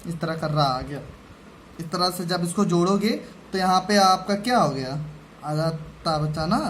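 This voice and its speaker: A man's voice: sits high, fairly bright tone, slight background noise. Patient male teacher explaining step by step. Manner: patient and step by step, checking in often with "okay". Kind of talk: explaining a grammar lesson to school students.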